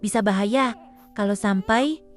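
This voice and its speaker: A woman's voice: mid-range voice, measured pace, soft background music, lightly acted. A woman voicing an exhausted young mother recovering from a caesarean, weary and pleading. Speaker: new mother.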